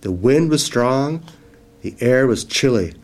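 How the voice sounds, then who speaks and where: A man voicing a friendly father telling a spooky campfire story to his kids, slow and dramatic. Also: medium pitch, expressive. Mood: storytelling.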